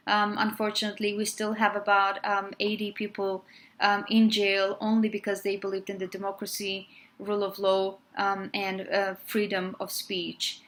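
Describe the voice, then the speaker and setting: Woman, thirties, exiled journalist; flat delivery, halting and sincere. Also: mid-range voice. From Azerbaijan. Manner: hesitant, many ums, earnest. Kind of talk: interview statement.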